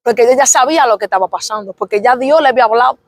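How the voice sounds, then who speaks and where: Young woman, high bright voice, dry close mic; passionate church testimony, repeats herself, cries out praise. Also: very fast, no room sound. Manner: fervent, repetitive storytelling with exclamations of praise. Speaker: interview guest. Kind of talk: emotional religious testimony.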